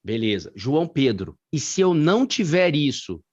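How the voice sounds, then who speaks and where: A man with a Brazilian Portuguese accent teaches grammar in a live online class, lively and slangy, calling on students by name. His voice is a bit high and moves at a normal speed, with lo-fi sound.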